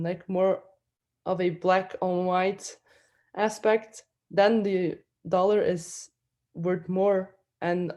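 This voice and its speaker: A woman's voice: fairly low pitch, dark tone. A woman from Belgium, a student giving a hesitant debate rebuttal on a video call. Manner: hesitant, many fillers.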